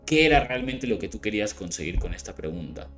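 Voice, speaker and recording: Guy teaching a lesson, lowish voice, keeps asking "right?", slows down for examples, faint music under it. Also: big pitch swings, fairly bright tone. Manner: conversational, frequent rhetorical "¿no?" and "¿vale?" checks; slowed careful demonstrations of phrases. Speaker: English teacher. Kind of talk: explanatory lesson.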